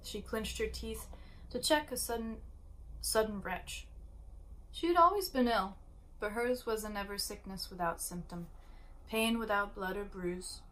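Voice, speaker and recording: A woman reads a novel aloud at a steady, unhurried pace. She stumbles on a word now and then and restarts it. She sometimes steps out of the text for a quick aside to the listener. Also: mid-range voice, rough recording. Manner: occasional slips and restarts, brief asides. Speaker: reader.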